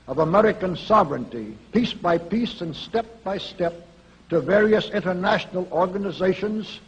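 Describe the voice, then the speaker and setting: A man with a high, husky voice speaks on an old 1950s archive recording. He delivers a formal prepared speech in a measured, deliberate way, laying out his points one by one. The sound is dull and muffled. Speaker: public speaker.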